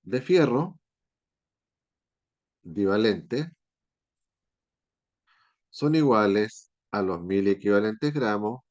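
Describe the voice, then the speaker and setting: Male teacher, low voice, lecturing a classroom in a dull lo-fi recording; patient, keeps checking in with the class. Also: expressive, extremely slow, long pauses. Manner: explanatory, checks in with students often. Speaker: university chemistry teacher.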